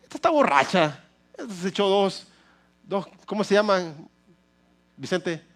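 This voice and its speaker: A man's voice: high-pitched, big pitch swings, unhurried, a bit bright, full character voice. A man voicing a mocking old male priest who scolds a woman, in a teasing, jokey way.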